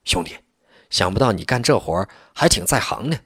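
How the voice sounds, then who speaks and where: A man voicing a poor peasant farmer who asks earnest, wary questions, with a husky voice. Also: fairly low pitch, expressive, fairly quick, a bit bright, no room sound, clean studio sound. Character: poor middle-aged peasant man, wary but warm.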